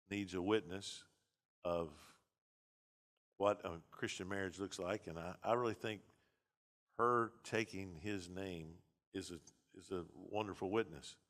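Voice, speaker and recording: Pastor guy lecturing a class, a bit low voice, blunt and chatty. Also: fairly bright tone. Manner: conversational, blunt, many restarts. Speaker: pastor teaching a seminary class.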